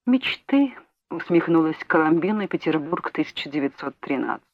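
A woman narrating an audiobook in a measured, even reading voice. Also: fairly low pitch, dry recording. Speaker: audiobook reader. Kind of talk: scripted narration. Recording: dull lo-fi audiobook recording, dry.

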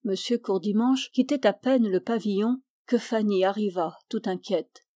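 A woman reading a novel aloud as an audiobook narrator, measured and clear. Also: mid-range voice, mellow, no room sound, studio quality. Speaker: audiobook reader.

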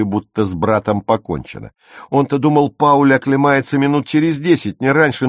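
A man narrating an audiobook with a lively, expressive reading on a close studio mic. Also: mid-range voice, no echo.

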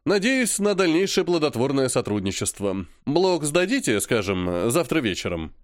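A man's voice: medium pitch, very animated, normal speed, no echo, clean studio sound, close to an everyday voice. A man playing a fawning school director. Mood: polite. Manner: formal, fawning. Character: ingratiating older male school director, formal.

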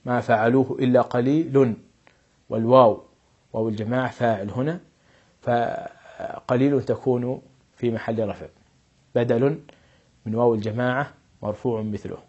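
A man teaching an Arabic grammar lesson, explaining patiently and stressing each quoted example slowly and loudly. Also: medium pitch, husky, muffled recording.

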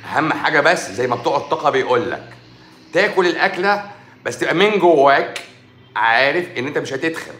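Egyptian male doctor, rapid mocking livestream rant, echoey room sound. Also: fairly high pitch, lively intonation, a bit bright. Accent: Egyptian Arabic. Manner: sarcastic, mocking, scolding. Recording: roomy echo.

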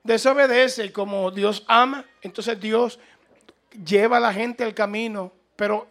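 A slightly bright, high male voice moves a little slowly with a steady tone. He is a preacher with a Latin American Spanish accent answering congregation questions, giving an emphatic, informal, repetitive sermon that goads people into responding.

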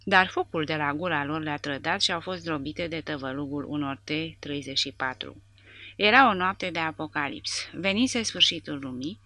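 A woman narrating a war novel audiobook with a dramatic, expressive reading. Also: sits low, no echo.

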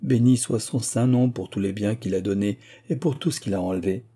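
A man voices an aging country vicar who is grieving and prone to impassioned declaiming, suited to a classic storybook reading. His natural voice is low-leaning, very dark and mellow with a husky edge, and he reads fairly quickly.

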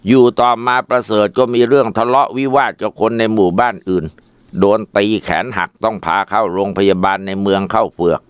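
A man narrating a ghost story in a steady storytelling delivery. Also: fairly low pitch, fairly quick, clean tone, no echo.

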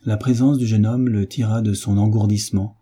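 Guy reading an old novel out loud, low voice, really husky and muffled-dark. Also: fairly even intonation, a little fast. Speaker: audiobook narrator. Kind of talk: scripted literary narration.

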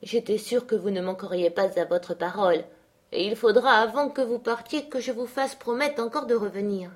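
A woman's voice: medium pitch, moderate pace, close to an everyday voice. A woman reading the part of a sickly young man who speaks weakly and pleadingly. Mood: plaintive.

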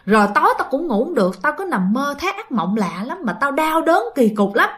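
A woman's voice: high-pitched, big pitch swings, fairly quick, fairly bright tone, pitched above the performer's own voice. A woman voicing an anxious widowed mother who prays tearfully. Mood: troubled. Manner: pleading, tearful in prayer.

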